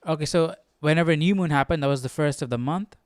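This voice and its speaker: A Bible study livestream host muses casually, tentative and questioning himself, frequently tagging lines with "right?" He talks quickly in a slightly high voice, with clean studio sound and no room echo.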